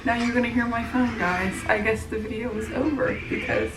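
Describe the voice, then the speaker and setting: A woman's voice: fairly high pitch, fairly quick, distant mic, music in the background. Tired pregnant woman rambling in echoey room. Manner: rambling, many fillers and restarts. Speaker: vlogger. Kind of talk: casual pregnancy update vlog. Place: at home, room with echo. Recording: roomy, from the mic, noisy home.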